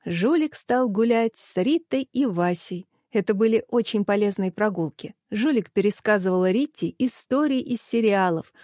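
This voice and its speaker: A woman calmly reading a children's story aloud. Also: mid-range voice, dry recording, studio quality. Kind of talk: storybook narration.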